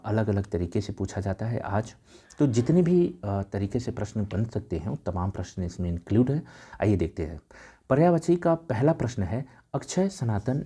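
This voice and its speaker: A man's voice: lowish voice, husky. A man tutoring for a Hindi exam, reading out quiz questions and options, then explaining each answer. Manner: lively, patterned quiz reading with stressed option letters.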